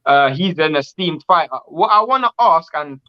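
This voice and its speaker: A man's voice: on the high side, lively intonation, moderate pace, highs cut off. A man hosting a casual boxing interview, asking rambling, enthusiastic questions with restarts. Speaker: boxing channel host.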